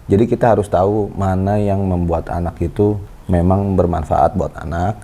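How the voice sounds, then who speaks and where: A man in his thirties hosting a casual parenting chat with his wife, explaining in a calm, lecturing way. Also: deep voice, normal speed, vocal fry. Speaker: host. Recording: faint background noise.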